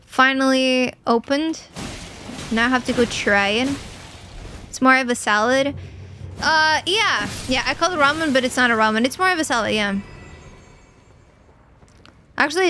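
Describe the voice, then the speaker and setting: A woman's voice: fairly high pitch, moderate pace, long pauses, sharp tone, a little hiss or hum. A young adult woman streaming a video game, chatting playfully with her viewers and answering their messages with mock anger and jokes. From Portugal. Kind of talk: casual gameplay commentary chatting with viewers.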